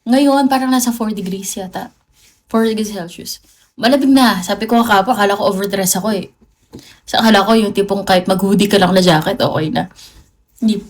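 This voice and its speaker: She speaks a little fast in a medium-pitched voice. The host is a Filipino woman from the Philippines, playfully chatting on her livestream and mixing in English as she goes.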